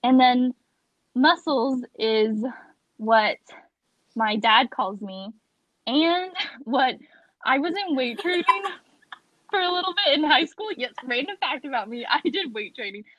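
A woman's voice: high-pitched, expressive, slow, fairly bright tone, dry recording, dull audio. A young woman chatting casually with a friend during a quiz game, giggly and talkative.

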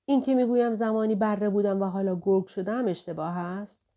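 A woman voicing a wise wandering male dervish who speaks in a calm, measured, firm way in an audiobook. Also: medium pitch, voice pushed up, lightly acted. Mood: stern.

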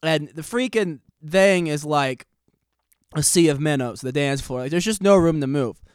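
In a casual podcast, a young man around his late twenties jokes at his own expense while rambling through a story at a moderate pace. He sounds smooth, clean, somewhat high for a man, and slightly winded, recorded dry and close.

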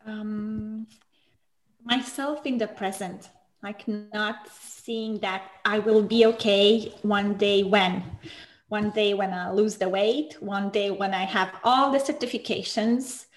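A woman's voice: mid-range voice, fairly even intonation. A woman from Romania, a guest on a podcast who works as a marriage coach, chatting casually and laughing often, tagging her points with "right?". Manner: warm, laughs often, quick bursts with trailing "right?". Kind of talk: casual interview chat.

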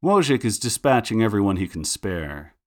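A businesslike federal agent , read by a male narrator, reports in clipped, military fashion. His pitch sits fairly low and level for the role. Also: very animated, moderate pace. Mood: brisk.

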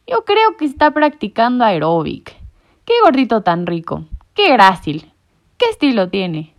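A woman's voice: medium pitch, huge pitch swings, a little slow. A woman voicing a mocking male alley cat who sneers like a bully. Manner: sneering mockery. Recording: muffled lo-fi recording.

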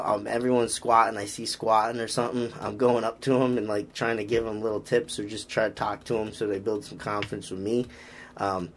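A strength coach with a Boston accent and a fairly low voice chats casually on a podcast, rambling upbeat about lifting with lots of fillers and restarts. There's a little hiss or hum in the recording.

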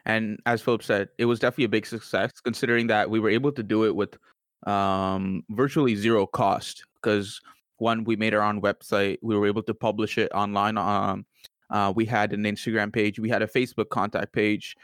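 A nineteen-year-old man co-hosts a casual podcast from a student university in Canada, speaking briskly in a fairly low, fairly bright voice with little pitch movement. He sounds hesitant, full of fillers and restarts, on a dry, studio-quality recording.

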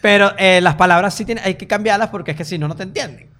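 Chatty Venezuelan man, higher voice. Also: fast, bright, forceful tone. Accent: Venezuelan Spanish. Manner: chatty, choosing words with care. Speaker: guest comedian. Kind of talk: casual podcast chat.

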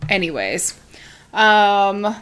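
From her apartment, a woman co-hosts a podcast, chatting casually in a smooth, fairly bright mid-range voice that is very animated yet extremely slow. She uses many fillers and laughs often, and a shared desk mic gets moved between the speakers.

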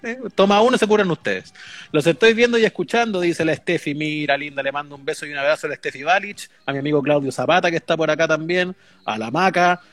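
A man's voice: a little high, fast talker, fairly bright tone, dry recording. A man with a Chilean accent hosting a casual livestream podcast, joking and reading viewer comments aloud with easy swearing. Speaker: podcast host reading live chat.

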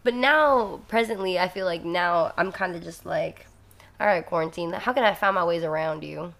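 A woman's voice: on the low side, normal speed, vocal fry, a bit bright. A young woman hosting her podcast, in casual, slangy chat with a friend and lots of "like". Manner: laid-back, slangy, lots of "like". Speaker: podcast host.

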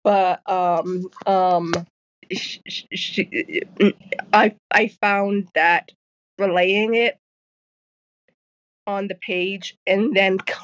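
A woman author, a guest in a casual interview, who stutters with repeated sounds and blocks and laughs often. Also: medium pitch. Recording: slightly dull lo-fi audio.

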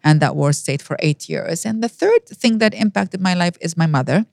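A woman's voice: fairly low pitch, animated, normal speed, creaky, a little mellow, no room sound, studio quality. Earnest woman in her fifties. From Iraq. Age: 50s. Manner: earnest, reflective, frequent restarts. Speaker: guest. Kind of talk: personal storytelling in an interview.

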